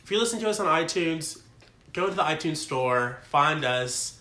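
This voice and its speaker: Bright-voiced young man in a roomy space. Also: a little high, expressive, normal speed. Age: 20s. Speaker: podcast co-host. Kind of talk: casual chat. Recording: roomy, echoing sound.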